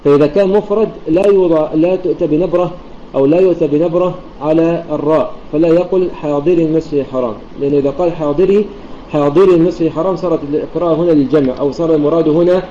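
A man's voice: on the high side, fairly even intonation, very fast, dark tone. A man teaching Quran recitation rules in an online lesson, explaining each rule and then demonstrating recited examples, repeating the phrases. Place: online voice chat room. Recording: dull lo-fi online voice chat with faint hiss.

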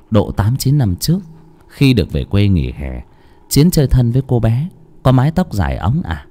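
A man's voice: mid-range voice, mellow. A man narrating a story expressively, voicing each character. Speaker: audiobook narrator. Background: faint background music.

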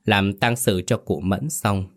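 Man, storyteller, ghost story narration, low deep voice, steady pace. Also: unhurried.

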